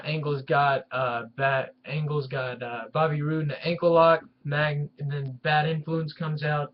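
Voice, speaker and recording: Man, casual video review, rambling, flat monotone delivery, dull lo-fi sound. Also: on the high side, a little hiss or hum. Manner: rambling, many fillers and restarts. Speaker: wrestling show reviewer.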